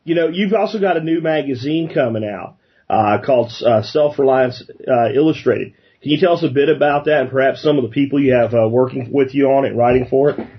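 Husky man interviewing, muffled audio. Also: mid-range voice, fairly quick. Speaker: interviewer, host. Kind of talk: casual interview talk.

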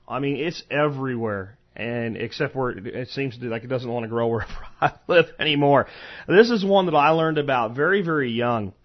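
A man's voice: medium pitch, animated, a little fast. An American man hosting a podcast solo, talking informally and conversationally, rambling through asides and personal recollections. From eastern United States, Florida and Pennsylvania. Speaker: podcast host. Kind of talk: informal solo podcast talk on medicinal plants. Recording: dull, lo-fi podcast audio.

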